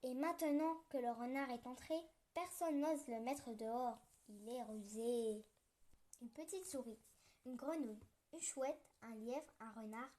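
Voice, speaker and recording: A woman reading a children's story aloud, gentle and playful with snoring sound effects. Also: on the high side, unhurried.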